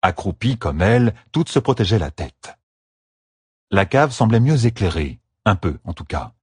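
Deep, husky male storyteller. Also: normal speed, no echo. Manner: expressive storytelling reading. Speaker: audiobook narrator. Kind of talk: scripted narration.

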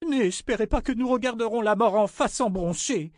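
A man voicing a defiant, outraged noblewoman in a shrill, high, loud voice. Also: moderate pace, no echo, studio quality, lightly acted.

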